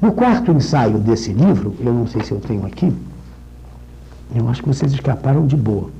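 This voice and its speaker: A middle-aged man giving a literature lecture, talking in a rambling, discursive way with restarts and slowing down to recite verse. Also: mid-range voice, very animated, dark tone, dull audio, slight background noise. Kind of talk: literature lecture with poem readings.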